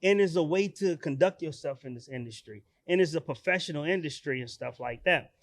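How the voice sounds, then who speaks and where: A man, a father and podcast co-host, telling a story in casual chat with lots of laughter and animated delivery. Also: fairly high pitch, brisk.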